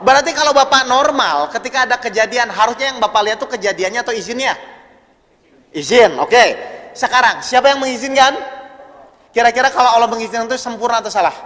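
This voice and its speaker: A man's voice: extremely high pitch, fairly bright tone. A man preaching an interactive sermon, questioning the audience and repeating his points. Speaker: Islamic preacher. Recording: long hall reverb.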